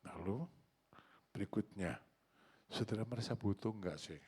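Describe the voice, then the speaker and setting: A male pastor preaching a sermon, asking the congregation questions and acting out little dialogues. His delivery swings between loud exclamations and hushed prayer. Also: fairly low pitch, normal speed, husky.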